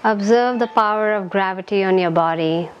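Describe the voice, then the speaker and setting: A woman guides a meditation, calm, gentle and soothing, giving instructions in short phrases separated by long pauses. Her voice is medium-pitched, and the recording sounds muffled with slight hiss or hum.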